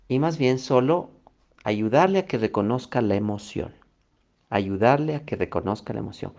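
A man's voice: mid-range voice, a little mellow. A male coach giving a motivational lesson, emphatic, repeating key phrases and checking in with "ok", on a slightly dull recording. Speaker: coach, instructor. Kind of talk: motivational teaching talk.

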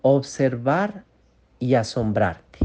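A man teaching a mindfulness course module, gently coaching the listener and checking in often. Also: medium pitch, very animated, a little hiss or hum. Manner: slow, repetitive, gently coaching with frequent "¿sí?" checks. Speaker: course instructor. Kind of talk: guided mindfulness lesson.

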